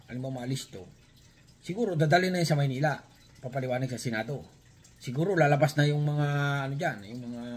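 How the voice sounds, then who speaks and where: A man's voice: medium pitch, slightly rough. A man from the Philippines hosting his channel, giving casual reaction commentary on a news story in a rambling, chatty way with many hesitations and rhetorical asides. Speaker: channel host.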